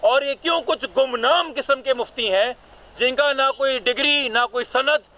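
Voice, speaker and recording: A man giving a forceful, argumentative statement to the press outside court, full of rhetorical questions. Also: extremely high pitch, moderate pace. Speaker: lawyer for the girl's family.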